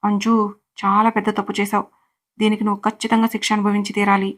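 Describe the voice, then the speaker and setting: A woman's voice: mid-range voice, completely flat delivery, quick pace, natural voice. A woman voicing a cruel, obsessive young man who threatens coldly in a storybook reading. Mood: angry. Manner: cold, threatening.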